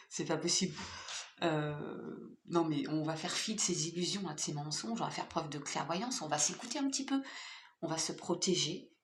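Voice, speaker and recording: A woman's voice: deep voice, normal speed, roomy sound, slight background noise. A woman doing a casual, playful card reading for her viewers, chatty with many fillers. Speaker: tarot card reader.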